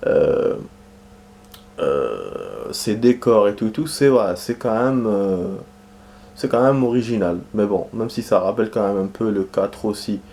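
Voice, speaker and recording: A man chats his way through a video game in a low, relaxed voice. He rambles, trips over his words and circles back, full of small hesitations. The tone is warm and unhurried, like a regular talking to his viewers. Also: creaky, a little hiss or hum. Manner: rambling, hesitant, lots of fillers and restarts. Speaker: gaming commentator. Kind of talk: casual let's-play commentary.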